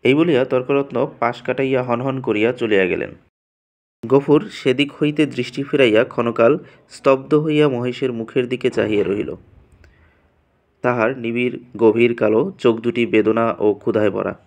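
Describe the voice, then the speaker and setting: A man narrating a classic short story for an audiobook in a steady, measured reading. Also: medium pitch.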